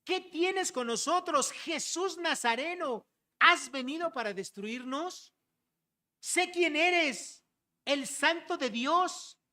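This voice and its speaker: A preacher voicing an anguished demon that cries out in a raised, loud voice and drags its words slowly. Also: high voice, animated, voice pushed up, exaggerated voice. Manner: drawn-out anguished cries, slow dragged words. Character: anguished demon crying out, unclean spirit. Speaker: preacher acting out a quote.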